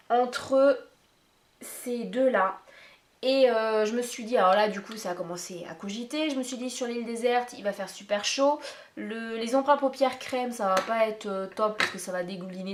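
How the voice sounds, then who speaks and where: A woman's voice: on the high side, slight background noise. A woman beauty vlogger chatting casually and at length to her viewers, talking straight to them as she wanders from point to point. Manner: chatty, meandering, addresses viewers directly. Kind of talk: casual makeup tag vlog. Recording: roomy echo.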